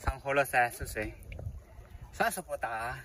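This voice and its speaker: A man's voice: medium pitch, expressive, moderate pace, pushed and bright. A man chatting casually and exclaiming in colloquial Sichuan dialect while working outdoors, with a Sichuanese accent. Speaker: vlogger. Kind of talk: casual chat while catching eels outdoors. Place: outdoors in a muddy rice paddy. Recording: noisy outdoor recording, distant from microphone.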